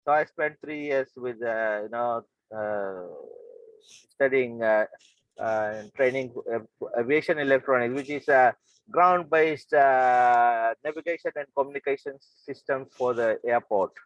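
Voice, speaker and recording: A man's voice: mid-range voice, a little slow, no room sound, highs cut off. A man from Fiji telling his life story as a guest speaker, hesitant, with many fillers and restarts. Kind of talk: personal storytelling.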